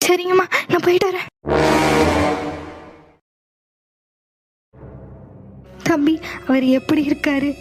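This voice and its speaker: A careworn middle-aged village mother in a cartoon drama, with a high voice. She talks in a plain, rustic manner, full of anxiety. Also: fairly quick, darkish tone, faint music behind. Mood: anxious. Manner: anxious, plain-spoken, rustic. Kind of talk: animated cartoon voice acting.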